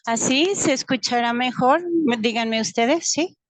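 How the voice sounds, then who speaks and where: A woman, a preschool teacher, speaking softly and hesitantly with many fillers on a video call. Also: on the high side, unhurried, no echo, low-quality recording. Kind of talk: online forum comment.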